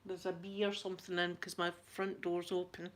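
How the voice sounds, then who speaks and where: A woman's voice: fairly low pitch, flat delivery, normal speed. A woman with a Glaswegian Scottish accent, chatting casually on a live ASMR stream, greeting viewers by name and often breaking off mid-sentence. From Scotland. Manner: chatty, warm greetings to viewers, frequent laughs and self-interruptions. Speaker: ASMR channel host reading live chat.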